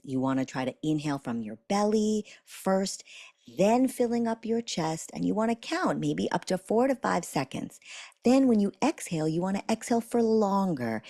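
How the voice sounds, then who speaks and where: Expressive woman giving a spiritual self-help talk. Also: medium pitch, no echo, studio quality. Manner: expressive, acts out little quoted voices; slows and softens when guiding breathing. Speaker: spiritual awakening coach.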